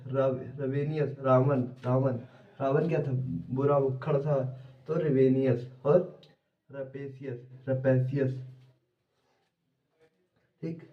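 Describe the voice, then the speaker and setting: A man with a Hindi accent runs an exam vocabulary lesson, saying each word several times and tying it to a memory trick. His voice sits a little high and comes from some way off the mic. The room echoes and the sound is dull. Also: recorded from a distance. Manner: repetitive drilling with mnemonic tricks. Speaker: vocabulary teacher.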